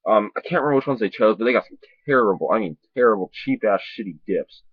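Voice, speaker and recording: A man talking with a lip full of dip, giving a casual, rambling, sweary and halting review to camera. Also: lowish voice, expressive, slightly rough, dry recording. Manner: sweary, informal, halting and repetitive. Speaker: dip reviewer on a video channel. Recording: dull lo-fi sound.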